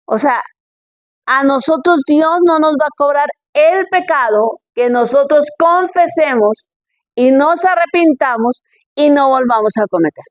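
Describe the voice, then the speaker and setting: Woman preaching, high voice, reads bible verses, keeps asking "ok?", dull dry recording. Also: measured pace, dry recording. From Colombia.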